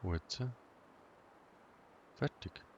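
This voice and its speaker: A man with a Bernese Swiss German accent giving casual let's play commentary in a flat, monotone way, half talking to himself. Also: extremely slow, muffled recording. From Switzerland. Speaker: gaming video host. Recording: noisy, vehicle engine and clicking behind. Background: truck game engine sounds and clicks.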